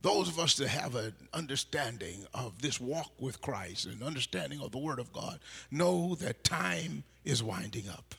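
Bishop, raspy and gravelly, slow deliberate sermon delivery in a reverberant church hall. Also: male voice, medium pitch, lively intonation, soft background music. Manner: slow, deliberate preaching that rises to loud exhortation. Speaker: bishop preaching. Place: church sanctuary.

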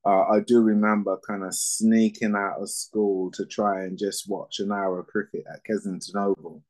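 A man in his fifties who grew up in Barbados answers interview questions as a former cricketer and coach. His voice sits a little low. He speaks in a measured way and fills his pauses with "um" and "you know.". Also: level tone, darkish tone, rough recording. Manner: measured, with frequent fillers.

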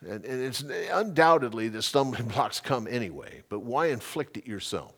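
Animated man preaching a sermon. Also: mid-range voice, normal speed, husky. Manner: animated, emphatic preaching with repeated phrases. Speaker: pastor.

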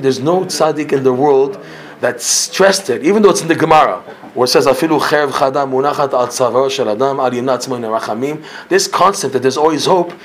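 A man teaching a religious class in storytelling style, swinging between loud emphatic bursts and low quiet asides, peppering his talk with Hebrew and Yiddish terms and correcting himself mid-sentence.

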